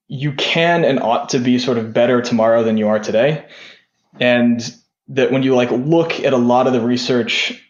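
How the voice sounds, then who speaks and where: A young man being interviewed on a podcast, talking in a loose rambling way full of "sort of" and "like". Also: mid-range voice. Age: young adult. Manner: rambling, lots of "sort of" and "like" fillers. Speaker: podcast guest, tech founder. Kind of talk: casual interview talk. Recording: roomy, dull lo-fi sound.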